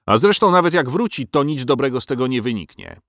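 A man's voice: medium pitch, sing-song, fast, fairly bright tone, dry recording, clean studio sound, pitched above the performer's own voice. A man voicing a grim village blacksmith warning that nothing good will come of it. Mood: gloomy. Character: gloomy, doom-saying male village blacksmith.

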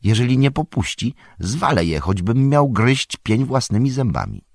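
A man's voice: deep voice, big pitch swings, moderate pace, a little mellow, husky, no room sound, clean studio sound, heavily acted. A man voicing a sturdy young male hobbit, suspicious and stubborn, in a storybook reading. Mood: determined. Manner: suspicious and fiercely loyal.

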